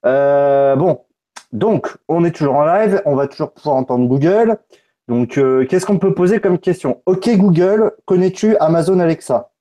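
Guy on a live stream, mellow voice, jokey, swears a lot. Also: on the high side, a little slow. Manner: loose and joking, swears casually. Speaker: tech streamer. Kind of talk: casual live unboxing stream.

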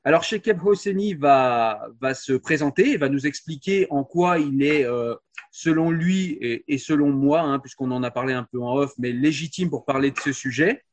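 A man's voice: mid-range voice, normal speed. A man hosting a video interview, introducing his guest in a hesitant way with frequent fillers. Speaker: host.

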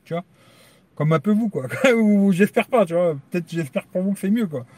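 A man's voice: a little high, fairly quick, darkish tone, no echo. A man hosting a tech channel, chatting casually and crudely on a live stream, rambling and tagging nearly every phrase with a filler. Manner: crude, rambling, says "tu vois" constantly. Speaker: YouTube tech channel host.

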